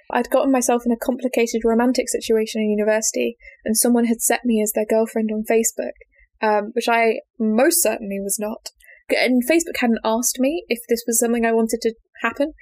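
Chatty young woman, slightly high voice. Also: steady tone, a little fast, darkish tone. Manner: chatty, laughs often, acts out quoted family members. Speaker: podcast co-host. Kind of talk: casual chat.

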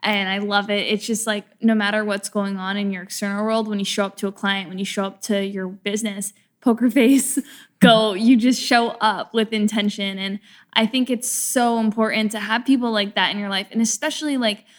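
A woman's voice: medium pitch, fairly even intonation, moderate pace. A young woman from a small town in Canada hosts a podcast, sounding enthusiastic and chatty and often saying "like". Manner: enthusiastic, chatty, says "like" a lot. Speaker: podcast host. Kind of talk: podcast interview.

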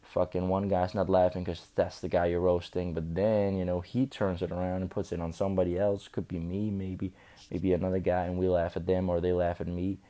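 A man's voice: low-pitched, level tone, a little fast, dark tone. A young man telling a rambling, profane story while drunk and slurring his words. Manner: loose, profane, chatty. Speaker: vlogger.

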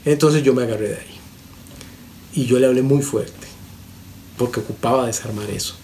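Emphatic pastor. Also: male voice, mid-range voice, normal speed, creaky, mellow, a little hiss or hum. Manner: emphatic, stacks rhetorical questions and repeats words for stress. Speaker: pastor and counselor.

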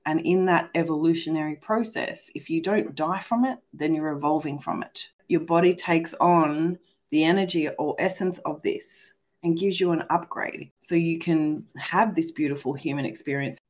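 A middle-aged woman from Australia chatting as a podcast guest, animated and acting out her inner voices. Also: low-pitched, normal speed, few pauses. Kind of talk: casual spiritual chat.

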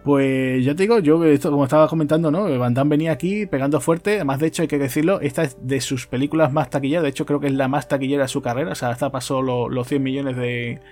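A man's voice: medium pitch, fast talker, few pauses, darkish tone, soft background music. A man co-hosting a casual film podcast, chatty and conversational, often tagging his sentences with a questioning aside. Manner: chatty, tags phrases with "¿no?". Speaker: podcast co-host.

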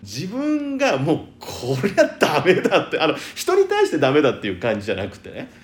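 Playful man with a very lively pitch. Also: a little fast, roomy sound. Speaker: podcast co-host. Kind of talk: casual chat.

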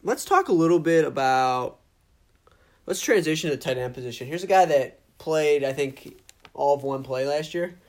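A man's voice: fairly high pitch, expressive, normal speed. A man co-hosting a casual fantasy football chat, reeling off stats with fillers and restarts. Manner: stat-heavy, upbeat, with fillers and restarts. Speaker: podcast co-host.

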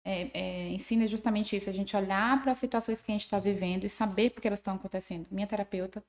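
Brisk, expressive woman guest in a casual podcast chat. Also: medium pitch. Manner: quick, expressive talker who acts out little dialogues.

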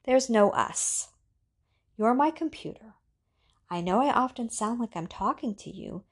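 A woman's voice: fairly high pitch, lively intonation, unhurried, breathy edge, voice pushed up. A woman voicing a tense, frightened lonely man. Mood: exasperated. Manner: tense, rising to frightened shouting. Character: lonely nervous man at his computer.

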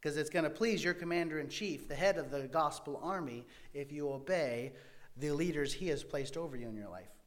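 A man preaching a sermon to young people, speaking emphatically with swings between loud and hushed delivery. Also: on the high side, a little fast.

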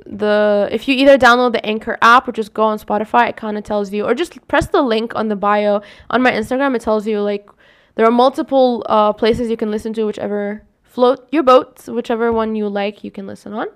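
Smooth, a little fast, and fairly even in intonation, a young woman's somewhat scratchy voice carries her casual solo podcast and deepens as she keeps going. She tends to ramble and correct herself before wrapping up with an upbeat farewell.

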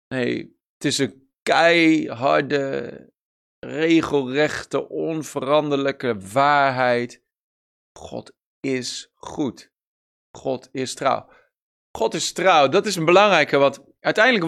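A man preaching a sermon, stressing his points by repeating them and slowing down for emphasis. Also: on the high side, creaky, a bit bright. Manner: emphatic, repeats key phrases, slows down for stress.

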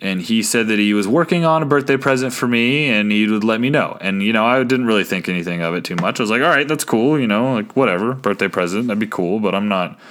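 A young man hosting his own small podcast, talking casually and excitedly, rambling with restarts and asides to listeners. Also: on the low side, fast, hardly any pauses. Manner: rambling and excitable, many restarts and "you guys". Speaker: podcast host. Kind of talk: casual solo podcast talk.

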